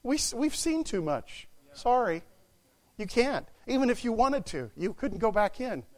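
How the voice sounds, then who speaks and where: A man preaching a sermon to a church, swinging from quiet asides to loud exclamations. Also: very high-pitched, sing-song, unhurried.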